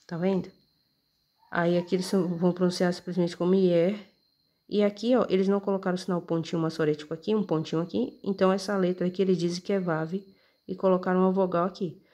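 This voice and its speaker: A woman's voice: lowish voice, level tone, fast, warm tone. A woman explaining scripture in a casual, conversational way, often checking in with her listener and pointing at the text as she reads. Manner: points at text while reading. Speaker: religious teacher explaining scripture.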